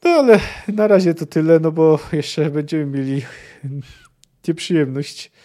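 A man hosts a book discussion podcast, reading passages and musing hesitantly, with frequent fillers. His voice sits slightly high and sounds mellow and relaxed. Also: unhurried. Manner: hesitant, thinking aloud with many fillers. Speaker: podcast host.

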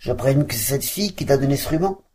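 A woman's voice: very deep voice, animated, fast, warm tone. A woman voicing a furious old witch who shrieks and snarls, reading a fairy tale aloud. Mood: spiteful.

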